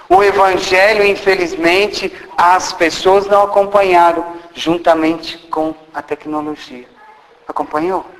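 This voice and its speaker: A man giving a spiritist sermon, speaking straight to the audience and asking many rhetorical questions. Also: sits high. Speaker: spiritist lecturer. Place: hall of a spiritist centre. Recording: reverberant hall with faint background noise.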